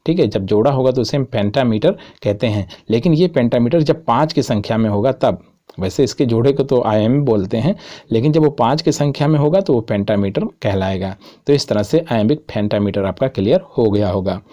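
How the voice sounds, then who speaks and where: A man giving an exam-prep lecture, slowly reading out English lines as he explains them. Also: medium pitch, lively intonation, dark tone. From India. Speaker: teacher.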